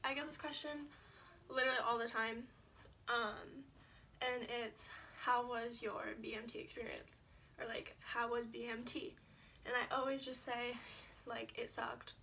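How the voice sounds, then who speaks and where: Chatty young woman with a gravelly voice. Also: fairly high pitch, steady tone, measured pace, pushed and bright, a little hiss or hum. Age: young adult. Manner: chatty, lots of "like" and filler. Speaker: vlogger. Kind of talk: casual sit-down story to camera. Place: indoors at home, seated. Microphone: camera set a little far away.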